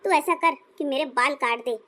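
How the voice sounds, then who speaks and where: A woman's voice: sits high, normal speed, pushed and bright. A woman voicing a cheerful, carefree bald old woman in a cartoon, chatty and unbothered. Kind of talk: cartoon voice acting.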